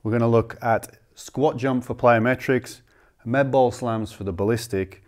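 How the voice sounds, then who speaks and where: Speaking with medium pitch and a measured pace, this thirtysomething strength coach walks through training in an indoor gym. His instructional delivery is steady, ticking through numbers one by one.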